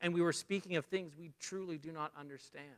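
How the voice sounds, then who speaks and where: A man preaching a lesson, animated, rising loud for emphasis and dropping low and quiet for key points. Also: quick pace. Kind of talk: sermon lesson.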